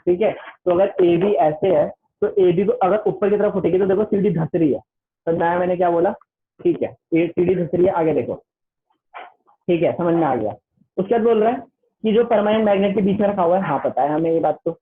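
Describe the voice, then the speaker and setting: A man teaching an online class with a Hindi accent, chatty and repetitive, reading the textbook aloud slowly in English. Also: high voice. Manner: chatty, keeps saying "listen carefully", reads the textbook slowly in English. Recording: tinny phone-like online class audio.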